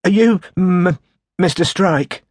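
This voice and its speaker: A man's voice: high voice, takes it slowly, slightly rough, pitched above the performer's own voice, heavily acted. A man reading an audiobook, voicing a nervous young woman temp in a quavering voice.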